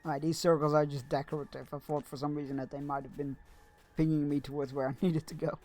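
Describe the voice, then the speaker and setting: A man's voice: fairly high pitch, flat delivery, fast, a little mellow. A man streaming a fantasy game, chatting sarcastically, swearing, laughing and reading quest text aloud. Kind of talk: casual live-stream commentary.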